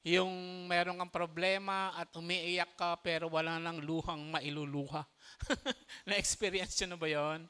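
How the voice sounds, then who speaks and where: A man's voice: fairly high pitch, little pitch movement, a little slow, bright, forceful tone, clean tone. A man with a Filipino accent preaching a sermon in church, mixing in English and chuckling between his phrases. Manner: switches between Tagalog and English, often says "ayan" and "okay".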